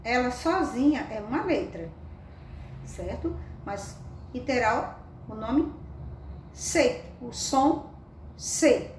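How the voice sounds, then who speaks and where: Slow, echoey woman teaching children. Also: on the high side, expressive, a little mellow. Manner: affectionate, sing-song, coaxing questions to children. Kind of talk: slow, careful children's reading lesson. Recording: echoey room, mic at a distance, faint background noise.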